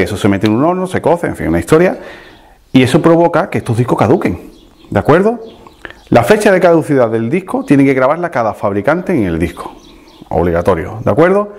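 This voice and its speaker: Animated fast-talking man demonstrating tools. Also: mid-range voice. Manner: animated, chatty, addresses viewers directly with frequent tag questions. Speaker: DIY tool channel host. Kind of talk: casual tool demonstration to camera.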